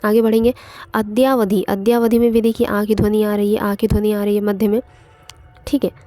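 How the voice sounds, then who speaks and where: A woman's voice: mid-range voice, level tone, a little fast, mellow, dry recording. A woman teaching an online exam-prep grammar lesson, explaining step by step and repeating points with frequent fillers.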